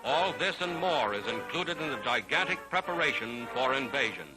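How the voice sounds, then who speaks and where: A man narrates an old newsreel, declaiming each line in a grand, scripted delivery. His pitch sits in the middle of the range. Loud music plays under his voice. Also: lively intonation, normal speed, rough recording.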